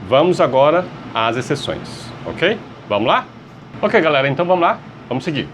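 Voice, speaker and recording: A man's voice: fairly high pitch, big pitch swings, moderate pace, slight background noise. A man with a Brazilian Portuguese accent, teaching an online English lesson, patiently repeating words and checking in often with his students.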